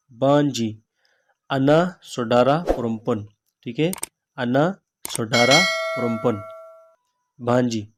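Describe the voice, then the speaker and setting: Slow, repetitive male language tutor. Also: medium pitch, a little mellow. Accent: Pakistani. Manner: says each word slowly, repeats it, adds "theek hai" after it. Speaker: language teacher. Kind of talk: slow vocabulary lesson.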